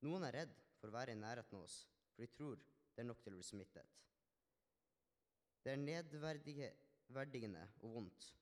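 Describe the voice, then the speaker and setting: The humble, grateful Samaritan leper, played by a man, speaks in an earnest, reflective dramatic monologue. His voice sits at an ordinary pitch for a man. A long reverb from a large hall trails after every phrase. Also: expressive, lightly acted. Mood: somber. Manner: earnest, reflective storytelling with small restarts. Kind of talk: dramatic first-person monologue.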